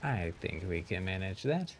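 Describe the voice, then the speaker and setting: A man's voice: deep voice, very animated, normal speed. A man wearing a retainer, giving casual, rambling game commentary as a streamer and thinking aloud.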